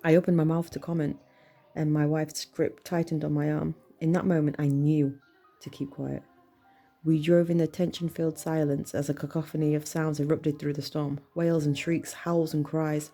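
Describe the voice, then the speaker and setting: A woman reading a horror story aloud in a measured, tense storytelling manner. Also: sits low, level tone. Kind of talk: scripted horror narration. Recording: soft music bed under voice.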